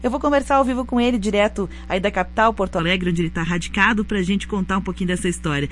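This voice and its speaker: A radio host interviews a guest live, her mid-range voice quick and warmly conversational, with a little hiss or hum in the audio. She often ends sentences with a questioning "né?"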